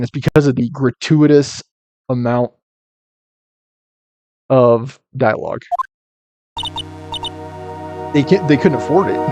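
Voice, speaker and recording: A man chats casually as he streams a game, thinking aloud. His voice has an average pitch, and music plays clearly behind him. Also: dark tone, no room sound, dull audio. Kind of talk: casual chat while reading a game aloud.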